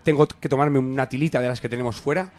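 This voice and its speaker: A man's voice: medium pitch, fairly even intonation, fast talker, a little mellow, dry recording. A man from co-hosting a comedy radio magazine, rambling in a mock-serious, ironic way. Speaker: radio show co-host.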